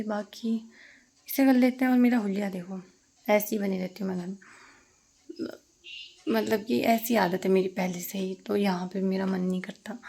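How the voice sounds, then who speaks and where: A chatty young woman talks to her viewers like old friends as she cooks at home. Her voice sits in a middle pitch, and it is picked up on a phone camera in her kitchen. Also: vocal fry, darkish tone. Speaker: vlogger. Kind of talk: casual home vlog chat.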